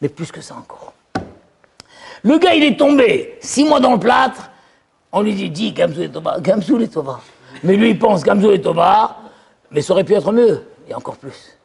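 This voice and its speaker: Gravelly, lively man giving a lecture. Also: high-pitched, moderate pace. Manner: lively storytelling, acts out voices. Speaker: rabbi lecturer. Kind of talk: animated religious lecture. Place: yeshiva lecture hall.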